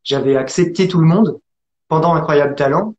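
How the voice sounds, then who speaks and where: A man from France telling his story as an interview guest, hesitant with many pauses and restarts. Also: fairly high pitch, darkish tone, lo-fi sound. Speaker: interview guest, acrobat and actor.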